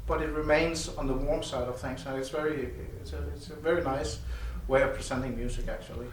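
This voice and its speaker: At an indoor audio show demo, a male loudspeaker designer talks through the technical side of his product, pausing often. His voice is medium-pitched with fairly even intonation, picked up by a distant mic in an echoey room with a little background noise.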